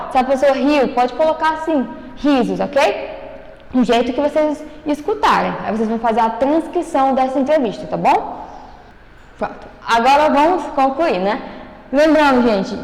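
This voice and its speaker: A woman teacher giving a recorded remote class, explaining step by step and checking in often with short tags. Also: high voice. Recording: echoey, reverberant room.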